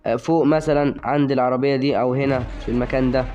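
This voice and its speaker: A man's voice: medium pitch, fairly even intonation, racing, mellow, dull audio, soft background music. A young man with an Egyptian Arabic accent giving live commentary on his game, joking and exasperated with his opponents. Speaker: gaming YouTuber.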